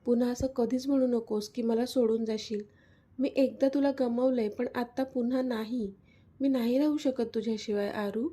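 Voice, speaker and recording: A woman's voice: on the high side, steady tone, moderate pace, mellow, lightly acted. A woman voicing a playful young man who teases his partner, in a storybook reading. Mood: tearful. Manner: teasing, coaxing. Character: teasing young man, playful then hurt lover.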